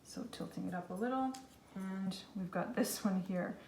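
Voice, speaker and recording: A woman with a mid-range, slightly mellow voice speaks at a normal speed as she gives little kids a casual craft lesson. As their kindergarten teacher, she offers simple, reassuring instructions step by step. Her voice echoes in the room, captured by a faraway mic with faint noise.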